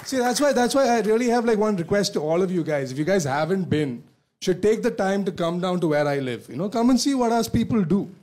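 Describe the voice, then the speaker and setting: A stand-up comedian from Kerala speaks with an Indian English accent in a notably high voice. He talks in a chatty way, keeps checking in with the crowd, and has a faint hum of room ambience behind him. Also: expressive, fairly quick, a little mellow. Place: comedy stage.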